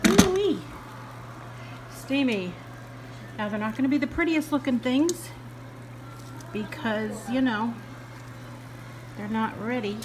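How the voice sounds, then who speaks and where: With a slightly high voice and lively intonation, a middle-aged woman speaks slowly, leaving long pauses, against a noisy background. She narrates a casual cooking vlog, filming family dinner prep at home in kitchen and living room on a handheld phone, chatting in a homey way.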